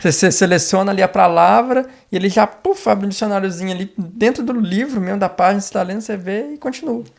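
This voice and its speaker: A speaker who chimes in quickly and chattily in a casual podcast conversation. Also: medium pitch, vocal fry.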